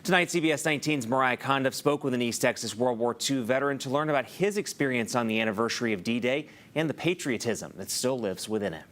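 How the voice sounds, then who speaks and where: A man's voice: medium pitch, fast, few pauses, background noise. An American man reading scripted news as a television anchor.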